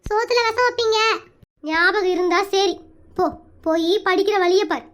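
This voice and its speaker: A woman's voice: extremely high pitch, moderate pace, fairly bright tone, pitched below the performer's own voice. A woman voicing a strict, bossy village mother and wife in a cartoon comedy, scolding in a rural Tamil Nadu accent. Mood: stern.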